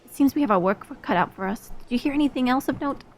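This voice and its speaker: A woman reading aloud a calm game companion explaining a plan, in a measured way. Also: high-pitched, a little hiss or hum. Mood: planning.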